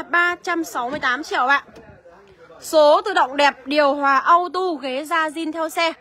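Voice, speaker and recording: A woman selling used cars on a live walkaround, listing prices briskly and calling out to viewers by name. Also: high-pitched, sharp tone. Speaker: used car seller.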